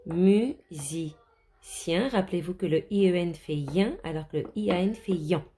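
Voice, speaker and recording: A woman teaching a reading lesson to young children, sounding out words slowly and clearly with a lively, coaxing delivery. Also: lowish voice, slight background noise. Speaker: primary school teacher.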